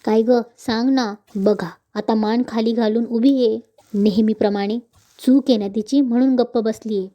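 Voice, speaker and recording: A woman reading the lines of an angry, accusing middle-aged mother in a serial recap, in a flat, mellow voice. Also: a little high, normal speed, lightly acted. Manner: accusing, insistent.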